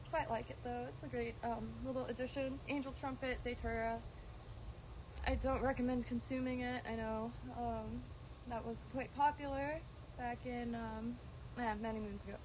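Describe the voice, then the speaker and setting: Outdoors in a garden, a woman from Florida rambles through a casual livestream about plants in a high voice that sometimes drones. She wanders off topic, says um a lot, restarts often and swears casually, all over noisy outdoor phone audio.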